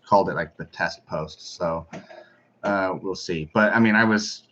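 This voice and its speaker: A man chatting on a livestream call in a low-key, dry manner. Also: measured pace, fairly bright tone, slight background noise. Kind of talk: casual group chat on a livestream. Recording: dull lo-fi call audio.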